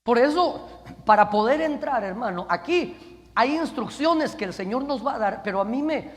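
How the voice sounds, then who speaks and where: A man's voice: very high-pitched, lively intonation, normal speed. Pastor guy preaching at a camp meeting, keeps saying brother, asks the crowd stuff, big echoey hall. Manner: keeps calling listeners "brother" and asking the congregation questions. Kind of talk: sermon. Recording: long hall reverb.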